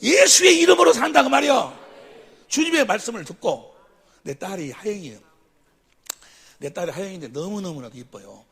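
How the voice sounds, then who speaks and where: Gravelly, high-pitched pastor quizzing his audience. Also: expressive, moderate pace, pauses often, a bit bright. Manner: quizzes the audience with constant questions; calls for amens after each point. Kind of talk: seminar sermon teaching. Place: church seminar hall.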